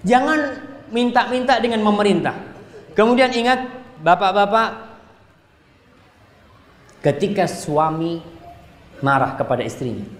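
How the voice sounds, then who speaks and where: Man, preacher, lively sermon, jokes with the congregation, echoey reverberant hall. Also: a little high. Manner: lively, joking, acts out spouses' voices; quotes Arabic phrases slowly.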